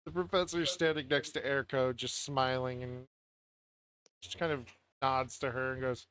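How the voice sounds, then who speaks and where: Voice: mid-range voice, fairly even intonation, normal speed, fairly bright tone. A speaker casually narrating and chatting in a tabletop role-playing game.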